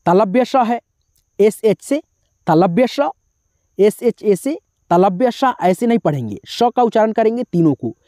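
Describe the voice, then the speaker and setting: A woman's voice: mid-range voice, warm tone, no room sound, studio quality. A woman teaching a spelling lesson, reading out syllables one by one and adding short explanations. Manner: drills syllables letter by letter, adds brief explanations.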